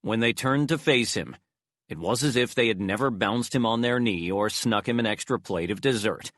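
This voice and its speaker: A man reading an audiobook in a measured, even storytelling voice. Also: fairly low pitch, no room sound, studio quality. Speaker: audiobook narrator. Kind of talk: scripted narration.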